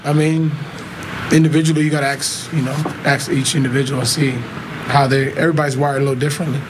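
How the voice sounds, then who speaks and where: A man in his thirties, a basketball player giving short, low-key answers at a postgame press conference into a table mic. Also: little pitch movement, fast talker, noisy background. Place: press conference room in front of a sponsor backdrop. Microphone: table microphone in front of him.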